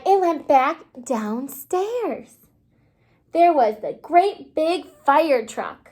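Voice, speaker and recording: Reading a story to little kids, a woman who teaches kindergarten uses a high, expressive voice and breaks off now and then to prompt them with questions.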